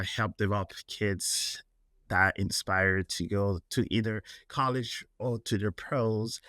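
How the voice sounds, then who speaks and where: A man's voice: on the low side, fairly bright tone, dry recording, studio quality. A man from France hosting a soccer podcast, asking long rambling questions full of fillers. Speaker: podcast host. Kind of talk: interview hosting.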